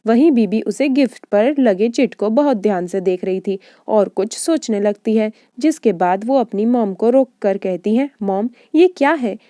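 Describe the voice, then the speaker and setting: Mellow-voiced woman narrating a drama recap. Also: medium pitch, normal speed, few pauses, no room sound, studio quality. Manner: chatty, storytelling. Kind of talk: scripted narration.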